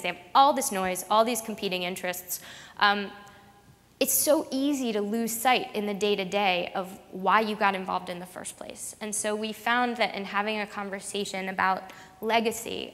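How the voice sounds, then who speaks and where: Female conference speaker, mid-pitched, conversational with frequent restarts, long hall reverb. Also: a bit bright. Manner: conversational, many fillers and restarts. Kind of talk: presentation talk to an audience.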